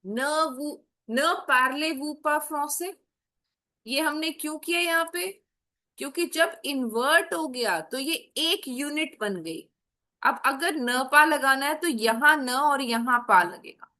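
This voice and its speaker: A woman's voice: sits high, takes it slowly, pushed and bright. A woman teaching French grammar in a classroom-style explanation, patiently repeating example sentences in Hindi and English.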